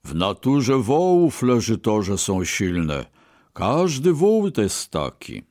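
A man's voice: lowish voice, huge pitch swings, takes it slowly, a little mellow, dry recording, clean studio sound, full character voice. A man voicing a rich, dismissive merchant in a storybook reading, scoffing and lecturing.

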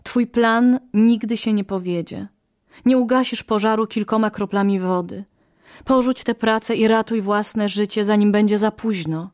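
A woman's voice: medium pitch, steady tone, moderate pace, a little mellow, natural voice. A woman voicing a great golden eagle, a god who speaks with gravity and royal dignity, in a storybook reading. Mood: grave. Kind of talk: storybook narration.

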